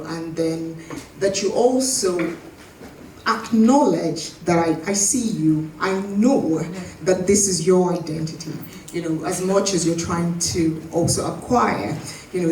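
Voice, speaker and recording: Woman panelist, mellow and low, roomy hall recording. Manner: measured, frequent "you know" fillers. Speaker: panel speaker, former teacher. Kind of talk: panel discussion answer. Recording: echoey hall, distant mic, faint noise.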